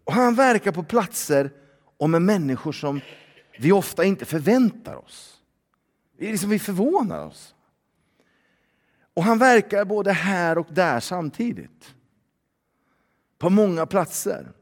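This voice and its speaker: Male preacher, chatty sermon, lively up-and-down delivery, slightly high voice, long hall reverb. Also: long pauses. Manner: conversational, frequent fillers and tag questions.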